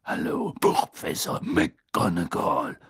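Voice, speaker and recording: A man voicing a gruff, scarred old male wizard teacher, growling slowly in a gravelly voice. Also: sits low, expressive, a bit bright, dry recording, studio quality, voice pushed down, full character voice. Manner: growling, slow and menacing.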